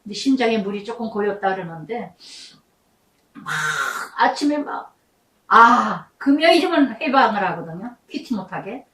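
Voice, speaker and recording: A woman's voice: on the high side, lively intonation, normal speed, a bit bright. Older woman pastor preaching, echoey. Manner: emotional, storytelling, quotes prayers aloud. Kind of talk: sermon. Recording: echoey room, voice from far off.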